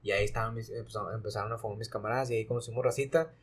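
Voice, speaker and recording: A young man with a Mexican accent telling an animated, slang-filled story in casual chat. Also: fairly low pitch, racing. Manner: slangy, animated, acts out voices in anecdotes.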